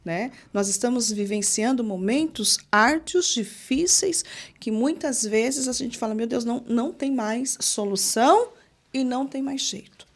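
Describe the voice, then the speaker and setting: Brazilian woman host, missionary; slightly high voice, short affirmations, then longer turns. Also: measured pace. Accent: Brazilian Portuguese.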